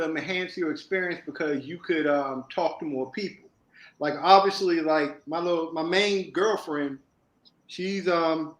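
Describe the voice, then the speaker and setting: High-voiced man on an echoey call. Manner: hesitant, many "um"s, streetwise slang. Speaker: guest caller. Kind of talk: casual chat over a call.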